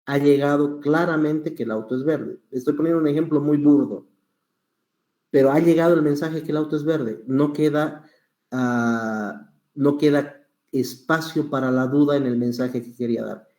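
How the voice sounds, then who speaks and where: A patient man teaching public speaking, walking through each point with examples. His voice is warm and mellow, and he plays with slow stretches and louder emphasis. The sound carries a roomy echo. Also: a little high, fairly even intonation. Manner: patient, explains with examples, varies pace and volume deliberately. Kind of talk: online class teaching.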